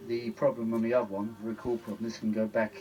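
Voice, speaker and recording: A British man who vlogs about vintage audio repair talks fast in a lowish, dark voice with little pitch movement, giving a rambling, chatty demonstration with exclamations. The audio is dull and noisy, with clear background noise.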